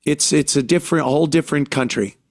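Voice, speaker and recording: A man from the United States hosting a podcast, talking alone in an indignant rant full of halting restarts. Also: a little high, no echo, studio quality. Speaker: podcast host. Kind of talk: podcast monologue.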